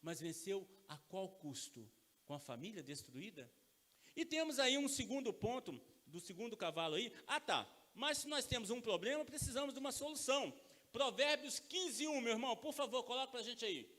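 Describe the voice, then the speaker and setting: High, lively Brazilian pastor preaching. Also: male voice, normal speed. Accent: Brazilian Portuguese. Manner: animated preaching, acts out dialogues and quizzes the congregation. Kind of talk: sermon. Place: church sanctuary. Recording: long reverb of a church hall.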